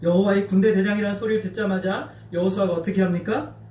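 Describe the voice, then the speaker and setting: A man from North Jeolla preaching a sermon as pastor, animated and acting out quoted voices. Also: high-pitched, fast. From Korea, North Jeolla. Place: church sanctuary. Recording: echoey church hall, distant mic, faint noise.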